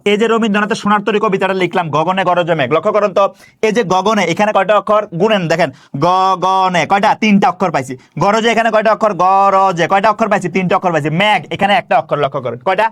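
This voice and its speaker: A man teaching grammar, asking questions and answering them himself and slowly stretching out example words. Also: high-pitched, a bit bright. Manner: stretches words slowly when demonstrating pronunciation. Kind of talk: classroom-style grammar lesson.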